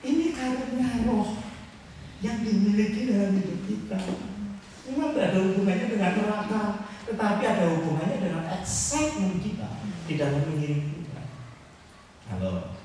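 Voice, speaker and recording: A man preaching a lively, joking sermon to his congregation, with a Javanese-tinged accent. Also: sits high, normal speed, recorded from a distance, a little hiss or hum. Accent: Javanese-tinged Indonesian. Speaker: pastor. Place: church hall. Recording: echoey hall, picked up from afar.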